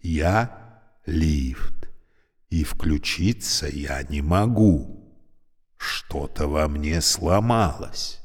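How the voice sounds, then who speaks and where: A man voicing an old, creaky, talking elevator, speaking slowly and courteously with a weary, sorrowful politeness. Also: a bass voice, animated, big-room sound, full character voice. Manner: slow, courteous, mournful.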